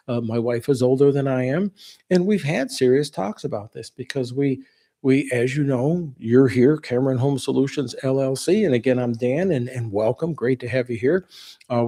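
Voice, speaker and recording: A man of about sixty hosts a livestream with a mellow, soft-edged, mid-range voice. He speaks in a relaxed, folksy way, using plain words and wandering into asides before getting back to his point.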